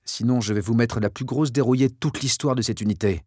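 A man voicing a gruff, blustering army general who gives orders and loses his temper, for an audiobook. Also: medium pitch, darkish tone, no echo, studio quality, natural voice. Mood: furious. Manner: commanding, quick to explode. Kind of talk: audiobook character voice.

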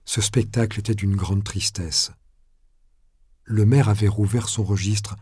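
A man reading a novel aloud as narrator, measured with a dry ironic touch. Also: on the low side, fairly even intonation, darkish tone, husky, no echo. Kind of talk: audiobook reading.

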